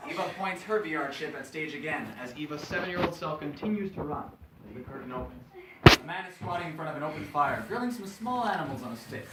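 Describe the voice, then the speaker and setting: A man's voice: fairly high pitch, animated, fast talker. A man reading a play's stage directions aloud, plainly and matter-of-factly. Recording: echoey, distant, noisy stage recording.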